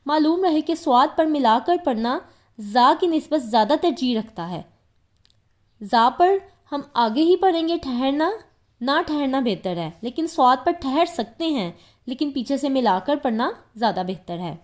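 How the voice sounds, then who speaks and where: A woman's voice: high voice, lively intonation. A woman with a Pakistani Urdu accent giving an explanatory Quran lesson, patiently repeating each point in simpler words. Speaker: Quran teacher.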